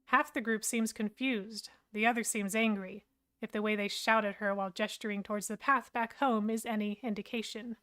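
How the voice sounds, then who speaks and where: A woman narrating a story in first person, in a reflective, even-paced way. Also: medium pitch, moderate pace.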